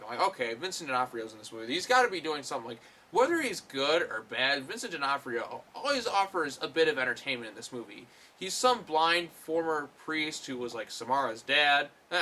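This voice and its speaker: A man's voice: on the high side, pushed and bright. A man giving a casual, rambling film review, full of fillers and blunt swearing. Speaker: movie reviewer.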